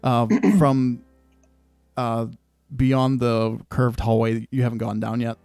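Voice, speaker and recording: Brief: dark, gravelly male game master, unhurried scene-setting. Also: medium pitch, little pitch movement, no room sound, faint music behind. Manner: measured descriptive narration with many fillers. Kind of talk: narrating a tabletop game.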